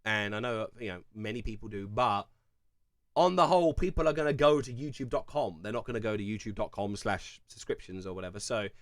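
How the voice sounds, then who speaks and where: A man's voice: lowish voice, lively intonation, a little fast, no room sound, studio quality. A young man with an English accent from Kent, chatting casually on a live stream as he reads and answers viewer questions, rambling with plenty of fillers and restarts. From England.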